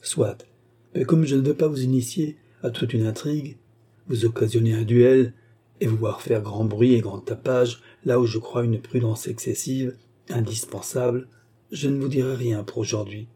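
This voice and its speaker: A man's voice: mid-range voice, steady tone, normal speed, mellow, husky, natural voice. A man reading a storybook and voicing a composed, secretive young courtesan woman with a firm manner. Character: cool-headed resolute young courtesan woman.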